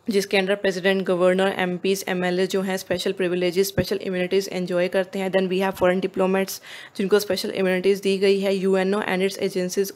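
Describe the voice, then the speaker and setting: Woman teacher, explanatory lecture delivery, even and level pitch. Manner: explanatory, mixes English and Hindi. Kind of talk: online lecture.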